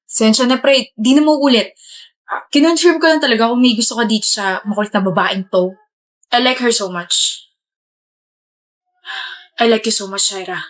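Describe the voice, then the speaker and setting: High, teasing woman in skit. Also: normal speed. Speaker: comedy skit performer. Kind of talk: scripted POV skit acting.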